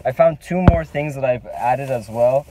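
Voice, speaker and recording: Against background noise, a young adult vlogger with a mid-range voice speaks at a moderate pace. He talks casually to a camera or phone at arm's length, first sitting in a parked car and then in a small store fitting room, his chatter slangy, meandering and full of "like."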